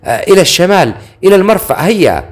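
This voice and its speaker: A man voicing a furious, panicking fallen king who shouts in desperate outbursts. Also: mid-range voice, sing-song, fast talker, lightly acted.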